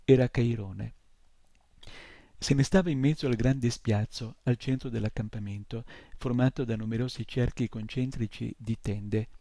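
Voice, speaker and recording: A man narrating a novel chapter in a steady storytelling manner. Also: mid-range voice, moderate pace, dry recording. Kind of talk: audiobook reading.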